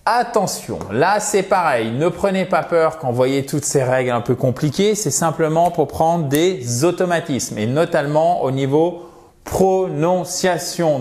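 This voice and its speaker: A man teaching English grammar in a video lesson, explaining patiently and repeating example words slowly. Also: a little high, darkish tone.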